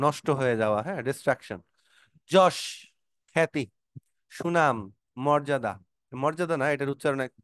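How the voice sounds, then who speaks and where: A man's voice: medium pitch, clear, resonant tone, no room sound, studio quality. A man teaching a vocabulary lesson, calling out word lists with emphatic stress and explaining them patiently to students.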